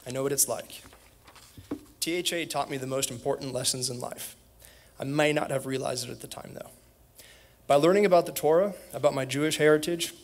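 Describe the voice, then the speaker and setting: A young man, a former student, giving a prepared graduation speech with an earnest, direct manner. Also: a little high. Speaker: graduation speaker, alumnus. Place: school event hall.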